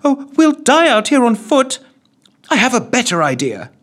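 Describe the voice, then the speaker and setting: A man's voice: very high-pitched, wildly swooping pitch, moderate pace, a bit bright, exaggerated voice. A man doing a plucky young adventuress. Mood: urgent. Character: brave cunning young woman adventurer.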